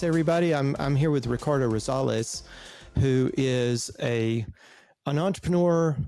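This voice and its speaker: A man's voice: mid-range voice, darkish tone. A man hosting a podcast, reading a scripted introduction and welcoming his guest in an upbeat, announcer-like way. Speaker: podcast host.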